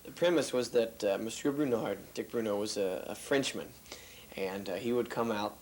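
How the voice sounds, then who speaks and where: A man guiding through a museum, telling stories in a relaxed way with many fillers. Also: on the low side, normal speed, a little hiss or hum. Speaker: museum guide.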